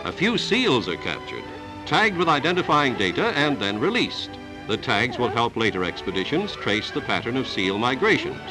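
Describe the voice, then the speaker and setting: A man narrating an old newsreel in a measured, declarative announcer delivery. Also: medium pitch, sing-song, poor audio. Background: music score.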